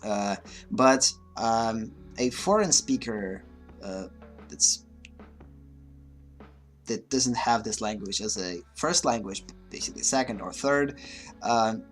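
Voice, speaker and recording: A man with a lowish voice takes it slowly and pauses often, with faint music in the background. He's a livestream host whose first language is Russian, speaking English with a mixed, slightly Russian accent in a casual, hesitant monologue full of fillers and restarts.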